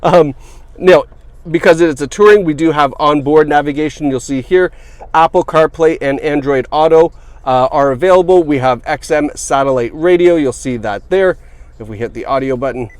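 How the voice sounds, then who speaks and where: A man's voice: fairly high pitch, moderate pace, no room sound. A man giving a casual, upbeat walkaround of a car for sale, chatty and full of fillers. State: has the hiccups. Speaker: car salesperson. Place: inside a car.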